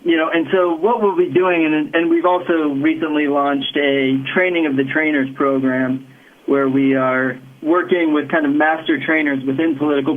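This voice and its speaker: A man explains his organization's program work in a rambling answer full of fillers and restarts. His voice is fairly high, and the sound is thin and tinny like a phone line. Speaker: program officer. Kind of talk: panel answer.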